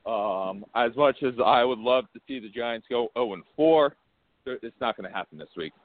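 A man co-hosts a sports talk show, giving his picks in a hesitant way and often repeating words. His voice sits at an ordinary pitch and comes through a narrow, phone-like line. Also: animated, moderate pace. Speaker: sports radio co-host.

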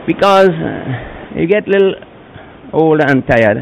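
An older man, a retired diver running a sanctuary, answering interview questions in an unhurried storytelling way. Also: fairly high pitch, lively intonation, vocal fry, dull audio, a little hiss or hum. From Bequia, Saint Vincent and the Grenadines. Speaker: turtle sanctuary keeper, interviewee.

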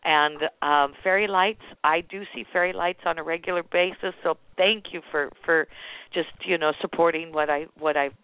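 A woman's voice: sits low, steady tone, moderate pace, clear, resonant tone, dry recording. A woman caller heard over a phone line, speaking hesitantly with many fillers. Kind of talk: call-in chat. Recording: tinny dry phone line.

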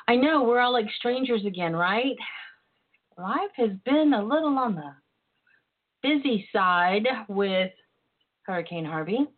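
A woman hosting a casual internet radio show with a campy, sassy, bawdy and chatty manner. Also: medium pitch. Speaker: host. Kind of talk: casual solo radio chat. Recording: tinny phone line sound.

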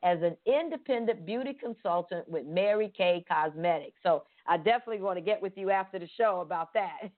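A woman's voice: fairly low pitch, expressive, a little fast. A middle-aged woman from Florida hosting a faith-based podcast interview, earnest and enthusiastic, often repeating words for emphasis. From Pensacola, Florida. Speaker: podcast host. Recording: tinny phone-like sound.

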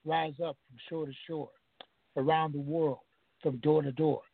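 A man on a phone line reads his spoken-word poem with a steady rhythm and hard-hit refrains. His voice sits a little high for a man. The line is thin and tinny, and dry and close. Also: normal speed, gravelly, no room sound. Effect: over the phone. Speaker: caller reciting his poem. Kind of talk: spoken-word poetry reading.

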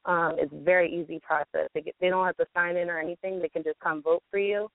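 A woman's voice: fairly low pitch, fairly even intonation, fast talker, dry recording. A woman from a music platform's marketing team, talking over the phone in a radio interview, chatty and full of ums and fillers. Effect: heard over a phone line. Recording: tinny dry phone line.

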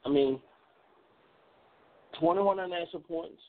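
A man's voice: a little high, slow. A male sports talk radio host chatting casually about the fights and college football, rambling and repeating words. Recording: phone-like narrow band.

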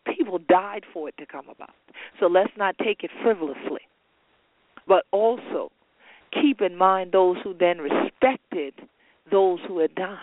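A man hosting a history talk, speaking in an emphatic, deliberate storytelling manner. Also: sits high, dry recording. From Gullah Geechee lowcountry of coastal South Carolina. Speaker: show host and heritage speaker. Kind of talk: spoken history talk to an audience. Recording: thin phone-like radio sound.

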